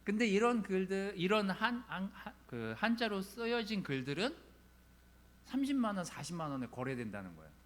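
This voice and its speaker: A male pastor giving a sermon in a conversational, animated way, building to emphatic points. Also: high voice, moderate pace.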